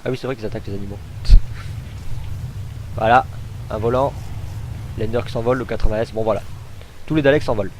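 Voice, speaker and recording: A man's voice: lowish voice, fairly even intonation, brisk, pauses often, slight background noise, poor audio. A man casually commenting on gameplay as he demonstrates a game mod, chatty and hesitant, thinking aloud with fillers. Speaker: gamer showcasing a mod.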